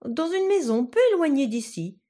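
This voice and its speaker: A woman voicing a tiny bold boy no bigger than a thumb, with high, cheeky, piping cries. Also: animated, normal speed, mellow. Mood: coaxing.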